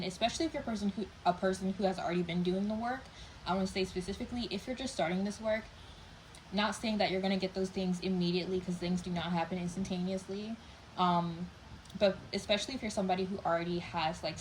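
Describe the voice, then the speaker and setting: A woman's voice: fairly low pitch, darkish tone, a little hiss or hum, low-quality recording. A young woman giving a casual tarot reading, talking in a chatty, passionate way with lots of fillers. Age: young adult. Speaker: tarot reader.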